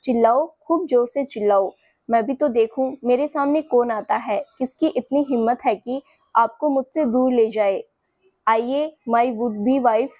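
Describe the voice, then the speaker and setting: A woman voicing a persistent young man in love who talks softly and gently to coax her in a storybook. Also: fairly high pitch, measured pace, dry recording. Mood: tender. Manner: soft, gentle and coaxing.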